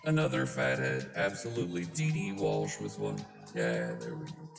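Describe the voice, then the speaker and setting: A live coding streamer talking through a voice changer that shifts the voice deep, chatting casually with a wry, self-deprecating manner. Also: very animated, moderate pace, gravelly. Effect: deep pitch-shifting voice changer. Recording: roomy sound with music behind. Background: background music.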